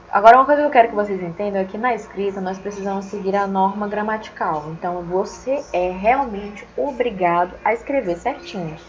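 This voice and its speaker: A woman's voice: medium pitch, muffled recording, a little hiss or hum. Chatty Acre-accented woman teacher. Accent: Acre Brazilian Portuguese. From Acre, Brazil. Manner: chatty, expressive, opinionated. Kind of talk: casual online lecture.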